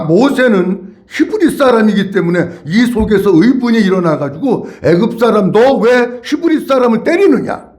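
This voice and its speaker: A male pastor preaches in a church, his voice pitched high for a man and swinging widely up and down. He tells the story expressively and has the congregation repeat key phrases back to him. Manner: leads the congregation in call-and-response repetitions; expressive storytelling, acting out quotes. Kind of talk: sermon. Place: church sanctuary.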